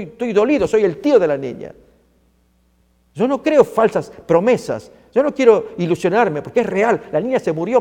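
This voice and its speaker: Brief: preacher doing a grieving uncle in a sermon retelling, lively and doubting. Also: male voice, big-room sound. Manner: pleading, disbelieving, raised pitch. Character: grieving skeptical uncle of a dead girl.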